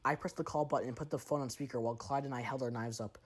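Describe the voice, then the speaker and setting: A man's voice: mid-range voice, steady tone, very fast, slightly rough. A man narrating a first-person horror story in a tense, dramatic way.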